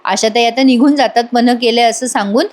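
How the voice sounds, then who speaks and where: A woman's voice: a little high, steady tone, brisk, darkish tone. A woman recapping a TV serial episode in a voice-over, chatting directly to her viewers.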